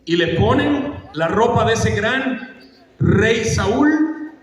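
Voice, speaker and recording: A man's voice: very high voice, expressive, drawn-out words. A man preaching a sermon, telling a story with animation and asking his congregation questions. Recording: echoey church hall, mic far off.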